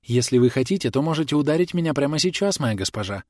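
A man's voice: medium pitch, very animated, brisk, no echo, clean studio sound. A man voicing a cheeky young woman who plays a mock-servile maid and then snaps back sharply. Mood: mock-submissive. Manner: sly mock-submissive, then sharp and whining.

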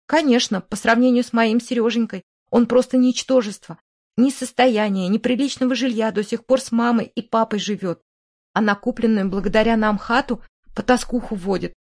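A woman's voice: steady tone, normal speed. A woman reading an audiobook, voicing a jealous, hysterical widow who shrieks, sneers and sobs at her rival. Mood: ranting. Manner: shrill, sneering, sobbing outbursts.

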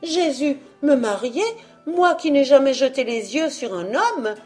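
A woman's voice: expressive, takes it slowly, mellow, faint music behind. A woman voicing a devout, pleading peasant girl. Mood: shocked. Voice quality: high pleading exclamations.

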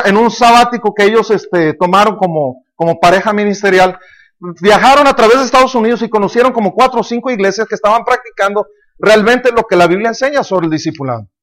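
A man's voice: sits high, fairly bright tone. A man preaching a sermon, emphatic and repetitive, often asking the congregation questions. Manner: emphatic, repeats words, asks the congregation questions. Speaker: pastor.

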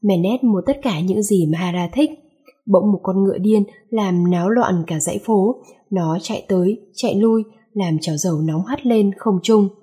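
A woman reading a romance story aloud in a steady, even narrating voice. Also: medium pitch, moderate pace, slightly rough.

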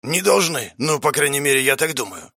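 A man voicing a blunt male companion who senses emotions, explaining in a calm tone. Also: mid-range voice, a little fast, breathy edge, dry recording, clean studio sound, pitched above the performer's own voice, full character voice.

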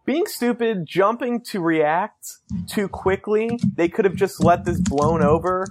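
A man's voice: high voice, measured pace, no echo, studio quality. A man hosting a call-in talk show, chatting casually in a hesitant, rambling way.

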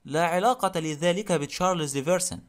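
A blustering, rude burly man, put on by an audiobook reader, gruff and blunt. His voice sits a little high for a man. He barks short, dismissive remarks. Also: fast talker, natural voice. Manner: gruff and blunt, barking insults. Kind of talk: audiobook character reading.

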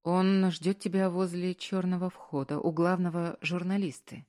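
A gentle, persuasive man in a romance audiobook, speaking softly and coaxingly to win someone back. A woman reader plays him in a fairly low, hushed voice. His delivery stays tender and close. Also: little pitch movement, moderate pace, lightly acted. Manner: soft, coaxing.

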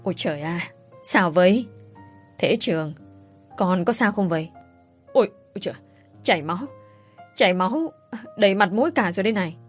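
Woman playing a fussy scolding mother-in-law, exclaiming a lot, soft music behind. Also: medium pitch, expressive, brisk, long pauses, lightly acted. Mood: frantic scolding.

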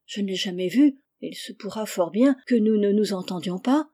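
A woman's voice: mid-range voice, normal speed, warm tone, natural voice. A woman voicing a timid, anxious orphan girl in an audiobook reading, with a complaining manner. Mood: fretful.

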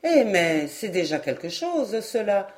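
A woman's voice: medium pitch, very animated, a little slow, darkish tone. A woman reading the lines of an eager, gracious young noblewoman in an audiobook.

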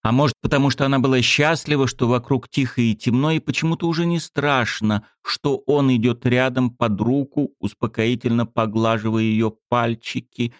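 A man's voice: mid-range voice, moderate pace, few pauses, clean tone, no room sound, studio quality. A man narrating an audiobook and voicing all the characters. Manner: expressive, performs all the characters. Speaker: audiobook reader.

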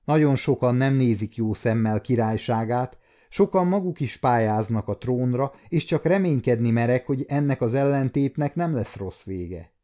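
A man's voice: mid-range voice, mellow, natural voice. A man voicing a wary old counsellor. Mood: grave. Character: old man Perszíni, wise, sceptical counsellor.

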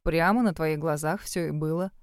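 A woman voicing a powerful man who speaks low, calm and cold, with a commanding edge. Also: normal speed, clear, resonant tone, no echo, studio quality. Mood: smug.

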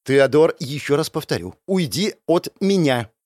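A man voicing a haughty, sharp-tongued young woman who snaps and raises her voice in an audiobook. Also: on the high side, very animated, moderate pace, no room sound. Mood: cold. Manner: snapping, raised voice.

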